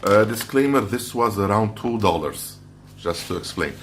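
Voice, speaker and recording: A man's voice: fairly low pitch, expressive, moderate pace, a bit bright. A man giving a casual food review, talking while he handles and crunches chips, in an off-the-cuff vlog style. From outside the Philippines. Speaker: snack reviewer. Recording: clearly noisy background.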